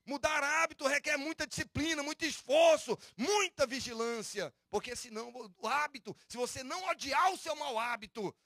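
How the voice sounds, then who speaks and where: A man preaching a fervent sermon, calling the congregation beloved and brothers and rising to shouts on key phrases. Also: very high voice, normal speed, hardly any pauses, no echo, studio quality. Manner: addresses listeners as "amado" and "irmão". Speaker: pastor. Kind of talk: Pentecostal-style sermon.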